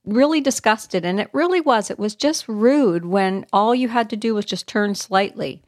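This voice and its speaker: A middle-aged woman, co-hosting a casual chat podcast, animated and quick to get riled. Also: medium pitch, no echo, clean studio sound. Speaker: podcast co-host.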